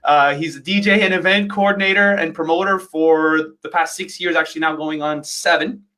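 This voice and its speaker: Guy hosting a dance livestream, excited, rambles a lot, tons of uhs and restarts. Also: fairly high pitch, moderate pace. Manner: rambling, enthusiastic, heavy with fillers and restarts. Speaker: host and dance instructor.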